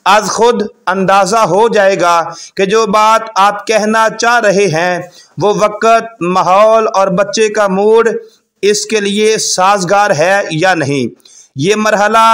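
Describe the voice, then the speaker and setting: A man with a notably high voice reads out parenting guidance. His delivery is formal and measured, paced in short, deliberate phrases like a prepared talk. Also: fairly bright tone. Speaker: parenting advice presenter. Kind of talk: scripted advice narration.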